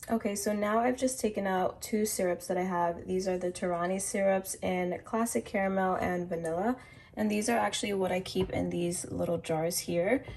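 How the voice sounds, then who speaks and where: A young woman lifestyle vlogger, a little congested from a cold, gives a casual walkthrough of her favorite things in her apartment kitchen, offering chatty, upbeat product recommendations. Her voice is fairly low and slightly mellow, with a faint hiss or hum on the recording.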